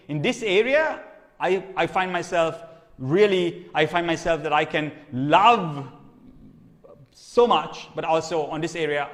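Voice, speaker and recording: Man preaching in an echoey hall. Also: fairly high pitch. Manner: conversational, checks in with frequent "okay?"; repeats and restarts phrases. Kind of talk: sermon teaching. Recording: long reverb hall.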